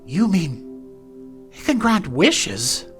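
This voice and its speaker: A man voicing a gentle young male wizard in a storybook reading, wondering and a little breathless. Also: on the high side, huge pitch swings, drawn-out words, soft background music, exaggerated voice. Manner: wondering, questioning. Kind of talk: storybook narration.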